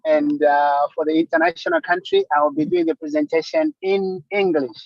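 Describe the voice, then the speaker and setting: A man's voice: a little high, wildly swooping pitch, brisk, dry recording, muffled recording. A man from Zambia, speaking hesitantly in an online meeting. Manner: hesitant, with soft fillers. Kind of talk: casual online meeting talk.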